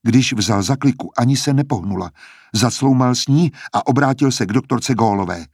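A man narrating a novel in a steady, even storytelling voice. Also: medium pitch, husky, no echo, studio quality. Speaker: audiobook narrator. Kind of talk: scripted narration.

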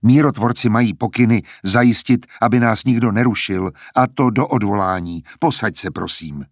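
A man's voice: fairly low pitch, no room sound, clean studio sound. A man doing a weary formal dean. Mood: subdued.

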